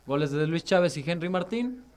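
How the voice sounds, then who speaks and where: A man with a Mexican accent giving live football play-by-play, excitedly repeating phrases as the action unfolds. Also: on the high side, brisk, clean tone. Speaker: football match commentator.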